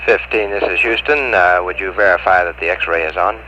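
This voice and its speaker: A man's voice: deep voice, normal speed, pushed and bright. A man at mission control talking to a spacecraft over the radio in clipped, procedural phrases, heard through a muffled radio transmission. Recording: dull lo-fi radio link with faint hiss.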